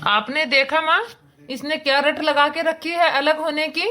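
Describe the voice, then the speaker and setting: A woman's voice: sits high, steady tone, unhurried, bright, forceful tone. A woman voicing an angry young husband in a cartoon, indignant and arguing. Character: angry young Indian husband, mother's son. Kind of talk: cartoon voice acting.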